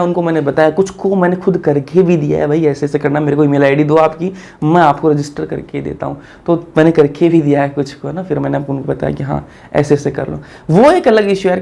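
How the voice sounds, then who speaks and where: Young male teacher, casual and chatty, high gravelly voice, asks and answers his own questions. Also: darkish tone. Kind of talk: casual lecture.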